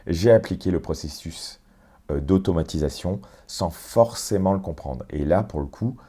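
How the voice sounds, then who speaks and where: Man, low deep voice, mellow, software tutorial walkthrough, explanatory, hesitant fillers. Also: expressive, husky. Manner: unhurried, explanatory, many fillers and self-corrections. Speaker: tutorial presenter. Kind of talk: screen-share software walkthrough.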